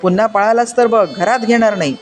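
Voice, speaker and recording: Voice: medium pitch, fairly quick, lightly acted. A storyteller voicing a village mother who scolds and commands her son, in a storybook reading over faint music. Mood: angry scolding.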